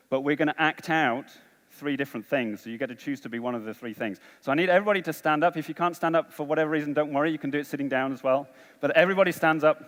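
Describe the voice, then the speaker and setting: A man's voice: a little high, a bit bright. A man giving a conference talk, coaxing and rallying a large audience through a game. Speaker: conference speaker. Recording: long hall reverb.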